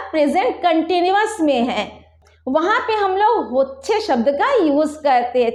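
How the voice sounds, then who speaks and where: A woman with a high voice explains a language lesson at a whiteboard. She is patient and slows down to repeat each example phrase clearly. The room is echoey. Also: darkish tone. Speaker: language teacher. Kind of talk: board lesson, explaining to viewers.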